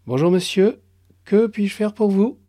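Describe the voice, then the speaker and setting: Brief: tired young office clerk woman, polite and brisk, higher and louder as a male narrator puts her on. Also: dry recording, studio quality. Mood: politely firm.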